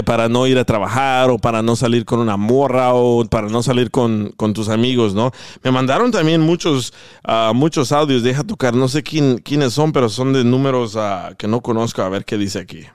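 A man's voice: mid-range voice, smooth, no echo, clean studio sound. A man hosting a casual chat, telling funny stories and laughing often. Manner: laughs often, animated storyteller. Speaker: show host.

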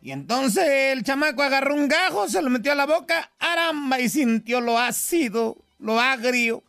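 High-voiced joke-telling man with Salvadoran accent. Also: normal speed, vocal fry, soft background music. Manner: animated storyteller, acts out voices of characters. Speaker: joke teller on radio show. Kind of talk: telling jokes.

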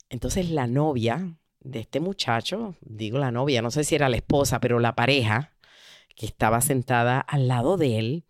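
A woman giving relationship advice through an animated story, acting out the voices of the people in it. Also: very deep voice, normal speed, dry recording, clean studio sound. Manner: animated, acts out quoted voices.

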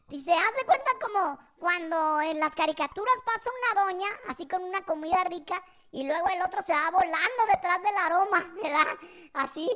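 Woman podcast host, casual slangy storyteller, very high bright voice. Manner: chatty, slangy, tags questions to the listener.

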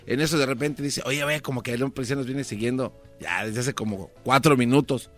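A man on a radio comedy show retelling a joke quickly and joking around, acting out its characters. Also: mid-range voice, fairly bright tone, soft background music.

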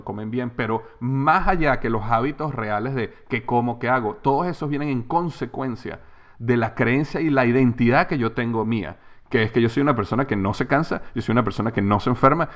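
A middle-aged man, an author and company head, talking in a podcast interview with emphatic repetition. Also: medium pitch. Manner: emphatic, repeats himself for stress.

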